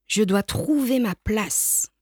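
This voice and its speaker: A woman's voice: medium pitch, takes it slowly, darkish tone, husky, dry recording, clean studio sound. A woman voicing a lonely lost stray dog. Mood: wistful.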